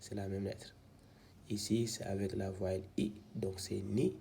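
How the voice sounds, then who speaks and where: A man's voice: on the low side, level tone, unhurried, creaky, warm tone, slight background noise. A man teaching how to read script, patiently sounding out syllables one by one in a step-by-step lesson. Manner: patient, repeats syllables one by one, frequent "donc". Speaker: Quran reading teacher.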